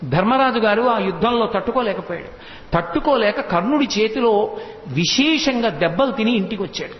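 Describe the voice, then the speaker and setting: High-voiced man preaching in an echoey hall. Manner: animated storyteller, chants verses in slow sing-song. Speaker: religious discourse speaker. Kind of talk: devotional storytelling sermon. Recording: dull, echoey hall sound with faint noise.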